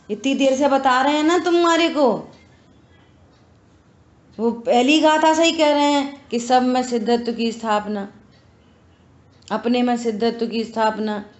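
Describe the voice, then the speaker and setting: Earnest woman scripture teacher, slightly high voice, unhurried, dull echoey room recording. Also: a little mellow. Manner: slow, earnest explaining with rhetorical questions. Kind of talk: religious scripture class.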